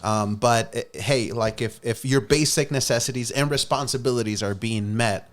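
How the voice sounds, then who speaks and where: A man with a medium-pitched voice chats easily as a guest on a podcast. He sounds relaxed and informal. He throws in "dude" and "bro" as he talks. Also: moderate pace. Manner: easygoing, says "dude" and "bro". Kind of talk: casual chat.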